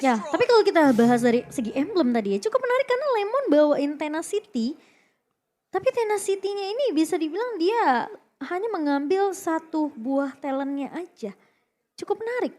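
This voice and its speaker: A woman's voice: very high voice, very animated, brisk, a little mellow. A woman with an Indonesian accent giving live analysis as co-caster of an esports match. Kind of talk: live game analysis commentary.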